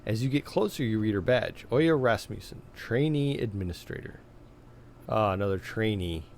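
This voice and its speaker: A man streaming a game live, chatting casually and reading the in-game dialogue aloud while his voice is going hoarse. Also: lowish voice, lively intonation, moderate pace, darkish tone, a little hiss or hum. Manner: casual, chatty, laughs often, reads dialogue in plain voice. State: losing his voice, coughing.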